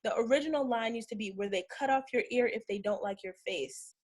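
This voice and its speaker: Animated, emphatic woman co-host. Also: on the high side, fairly quick. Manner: animated, emphatic, laughs often. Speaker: podcast co-host. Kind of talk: casual chat.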